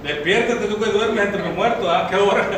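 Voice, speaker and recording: High-voiced pastor preaching in an echoey church. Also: male voice, fairly quick, recorded from a distance. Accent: Central American Spanish. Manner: exhorting, rising to shouts. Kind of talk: sermon. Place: church hall. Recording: very echoey hall, mic from afar, faint rumble.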